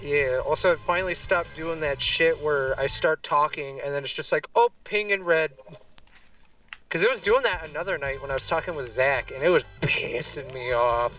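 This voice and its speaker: A man's voice: fairly high pitch, fairly quick, few pauses, pushed and bright, distant mic, soft background music, poor audio. A man streaming a game and chatting casually, rambling with many fillers. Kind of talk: casual chat while gaming.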